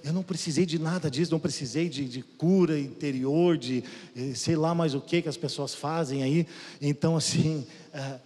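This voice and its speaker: A man giving an emotional testimony sermon to the congregation, swinging between loud and soft and often calling out to his brothers. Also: on the high side, normal speed. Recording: long hall reverb.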